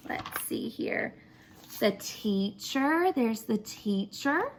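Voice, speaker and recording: A woman's voice: fairly high pitch, very slow, background noise. A woman teacher reading a picture book aloud to children and then asking the class questions about it. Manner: expressive, asks children questions.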